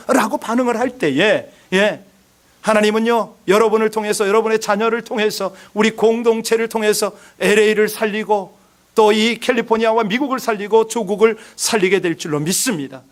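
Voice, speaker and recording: High-voiced man preaching a sermon. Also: a little fast. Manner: emphatic preaching with rhetorical questions to the congregation. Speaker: pastor.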